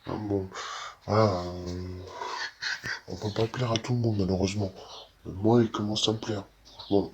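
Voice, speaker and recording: An eighteen-year-old man speaking through a disguised, altered deep voice, giving his opinion in a rambling way with many restarts and repeated words. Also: breathy edge. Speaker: YouTuber. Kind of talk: casual opinion monologue.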